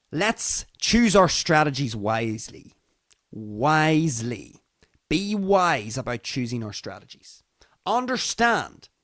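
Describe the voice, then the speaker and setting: Animated, high-pitched Northern Irish man. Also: no room sound, studio quality. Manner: theatrical, emphatic repetition for effect. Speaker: livestream talk show host. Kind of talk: casual monologue to live stream audience.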